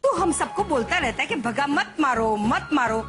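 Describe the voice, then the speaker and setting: A doting mother in a TV serial who fusses and scolds with great theatrical flair. Her voice is high and swings widely in pitch. Music plays underneath. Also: expressive, normal speed. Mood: scolding. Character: doting melodramatic mother of a grown son. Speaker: mother-in-law.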